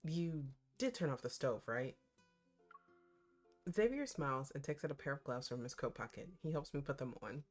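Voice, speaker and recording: An expressive, playful woman doing casual, slangy reaction commentary and reading game text aloud. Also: a bass voice, moderate pace, faint music behind. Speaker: reaction host.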